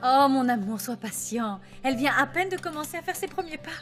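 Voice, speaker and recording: A female dub actor playing a proud young mother in a telenovela, indignant and forceful in a custody quarrel. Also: sits high, expressive, brisk, music in the background. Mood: tender. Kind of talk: dubbed telenovela acting.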